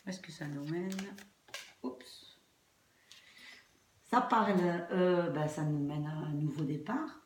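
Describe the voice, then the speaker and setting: A low-pitched woman reads tarot cards informally for her online viewers while nursing a throat infection. She speaks hesitantly, often trailing off or circling back over the same phrase. The room is echoey, with faint noise behind her. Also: slow, pauses often. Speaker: tarot card reader.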